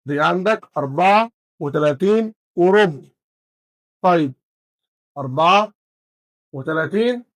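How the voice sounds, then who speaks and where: A man's voice: sits high, dry recording, poor audio. A man with an Egyptian Arabic accent teaching an exam-prep math lesson, counting values aloud step by step.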